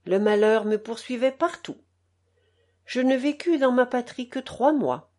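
A woman narrating an audiobook in a measured, expressive reading style. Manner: slow and measured, with expressive pitch. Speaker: audiobook reader.

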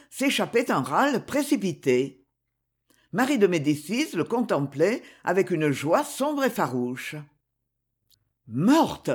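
An audiobook narrator reading a historical novel with dramatic, expressive delivery. The pitch moves widely and the voice has a touch of huskiness. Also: breathy edge.

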